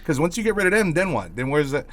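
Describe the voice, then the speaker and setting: A man's voice: on the high side, big pitch swings, quick pace. A man from Hawaii with a Hawaiian accent, co-hosting a casual podcast, talking passionately and swearing freely. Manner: passionate, heated, swears freely, keeps asking "you know what I mean". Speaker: podcast co-host.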